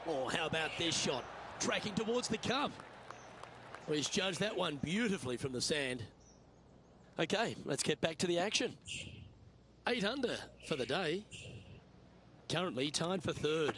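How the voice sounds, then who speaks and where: A man's voice: on the high side, lively intonation, moderate pace, pauses often, lightly acted. A man working as lead golf commentator, calling play-by-play in a broadcast style. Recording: clear background ambience noise.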